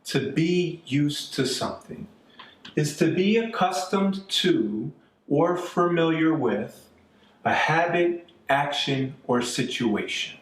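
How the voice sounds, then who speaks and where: Slow, lively Canadian-raised teacher man. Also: a little high. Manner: patient, repeats points, frequent "okay?" and "right?" checks. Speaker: English teacher. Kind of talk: classroom-style grammar lesson. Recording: echoey room, mic at a distance, faint music.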